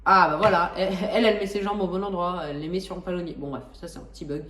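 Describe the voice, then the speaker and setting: A woman's voice: on the low side, fairly even intonation, racing, a bit bright, slight background noise. Chatty Frenchwoman explaining, roomy and distant. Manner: chatty, many hesitations and restarts, self-joking. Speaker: flight simulator tutorial host. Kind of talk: casual tutorial explanation.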